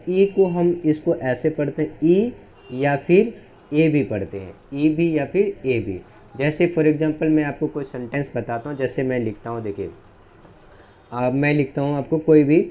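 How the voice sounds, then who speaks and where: Male tutor, warm tone, quizzes the class and answers himself, spells words out slowly. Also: on the high side. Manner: asks questions and answers them himself. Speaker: English teacher. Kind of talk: whiteboard phonics lesson.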